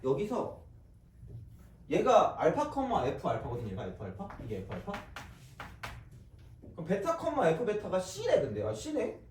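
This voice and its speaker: A man teaching math with a casual, joking manner, his voice swinging high and wide. He is picked up from across the room, with echo from the classroom walls. Faint background noise sits under his voice. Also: huge pitch swings, darkish tone. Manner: casual, joking, talks straight to students with quick asides. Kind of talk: recorded classroom math lecture. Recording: echoey classroom, mic at a distance.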